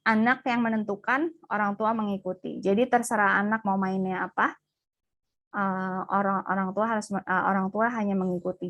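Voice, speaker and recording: A woman speaking on a video call webinar to mothers, explaining play rules in a lively way and slipping in English phrases. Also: medium pitch, no room sound. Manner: lively, acts out quoted voices, mixes in English phrases.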